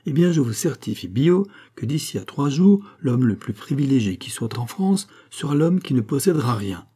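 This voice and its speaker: A man's voice: mid-range voice, very animated, moderate pace, dark tone, slightly rough, pitched above the performer's own voice. A man reading an audiobook, voicing a grave, brooding male doctor and philosopher who lectures earnestly. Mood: persuasive.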